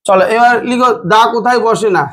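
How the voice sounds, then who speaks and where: A male teacher giving a grammar lesson. He asks the class questions, answers them himself, calls his students "babu" affectionately, and draws words out slowly to spell them or count syllables. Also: very high voice, a bit bright. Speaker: English teacher.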